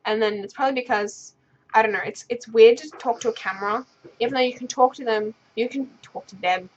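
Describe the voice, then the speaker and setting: A young woman vlogs from her bedroom, fielding viewer questions off the cuff, stuttering, restarting and drifting off topic as she rambles to camera. Her voice is fairly high and a little fast. The audio has the highs cut off and a slight background noise.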